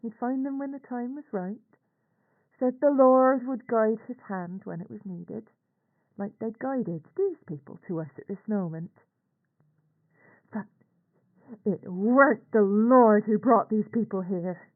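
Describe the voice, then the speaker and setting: A fairly high-pitched actress portrays a middle-aged Northern English aunt, working-class and a nurse, who sounds resigned and troubled, anxious and ashamed as she recounts events. Her confiding is halting and colloquial, part of a scripted confessional monologue in a horror audio log. The audio is tinny and band-limited, filtered to sound like a radio or telephone.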